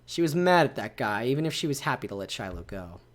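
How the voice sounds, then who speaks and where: A man's voice: medium pitch, very animated, fast talker. A male streamer reading a visual novel aloud, reacting animatedly to its choices.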